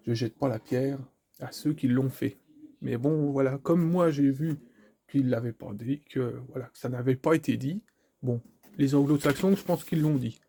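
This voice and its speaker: A man presents a collectible figure in a home room, his mid-range voice creaky and warm with a breathy edge. The unboxing chat is casual, rambling and self-mocking, with repeated words and family audible behind him.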